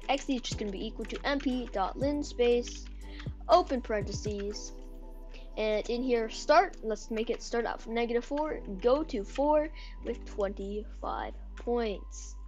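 A young woman giving a casual step-by-step coding tutorial, dictating code aloud symbol by symbol. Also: mid-range voice. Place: indoor room at a computer.

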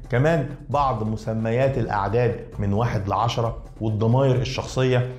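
Fast-talking Egyptian man narrating a lesson. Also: medium pitch, a little mellow, echoey room. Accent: Egyptian Arabic. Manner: explanatory, addresses listeners directly. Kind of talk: scripted educational narration.

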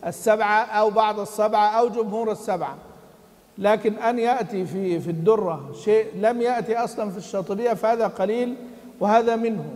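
A man teaching Quran recitation in a lesson. He quizzes his students and then answers himself, and he chants the quoted verses slowly. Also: high voice, darkish tone. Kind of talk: classroom lesson. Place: study hall of a mosque. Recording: long hall reverb.

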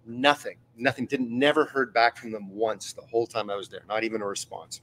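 On a panel in a meeting room, a middle-aged magazine editor tells an anecdote packed with fillers, acting out the voices he quotes. He speaks fairly quickly in a medium-pitched, level, fairly bright voice. A camera across the room gives a rough recording with slight hiss or hum.

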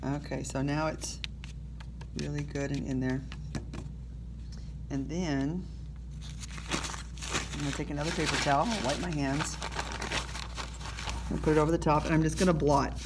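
Her voice is low and animated, measured in pace with long pauses, and there's noise behind her. She's a teacher casually explaining an art project to students while working, self-deprecating and full of okays and ums, recording her hands from above at an indoor table.

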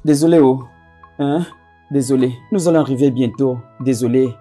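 A man dubbing a French film, playing a doting husband who fusses over his wife and keeps apologizing and urging her to go slowly. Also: medium pitch, mellow, faint music behind, close to an everyday voice. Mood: anxious fussing. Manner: fussing, repeating apologies and "slowly". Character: doting husband, fussy and attentive.

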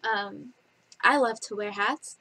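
A vlogger in her twenties speaks slowly in a bright, forceful, medium-pitched voice from her bedroom. The casual facts-about-me chat is giggly and rambling with many fillers, recorded by a desk-distance webcam.

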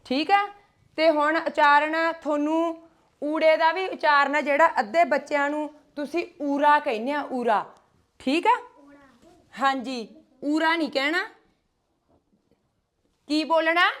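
A woman leads a children's language class, calling out each word slowly and loudly so the group can repeat it. Her voice sits high. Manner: slow, loud, drawn-out syllables for children to repeat. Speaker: Punjabi and Gurbani teacher. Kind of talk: call-and-response class teaching. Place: gurdwara classroom.

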